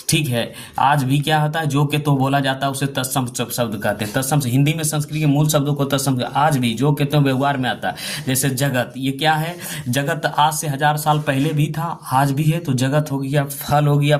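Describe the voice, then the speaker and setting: A man's voice: medium pitch, fairly even intonation, moderate pace. Man teaching a grammar lesson. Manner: explains step by step, asks and answers his own questions; repeats phrases, adds frequent tag questions.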